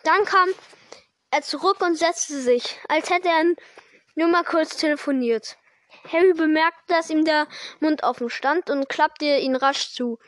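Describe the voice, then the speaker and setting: High-voiced woman reading aloud. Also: unhurried, dry recording. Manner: steady read-aloud with small slips and self-corrections. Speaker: reader.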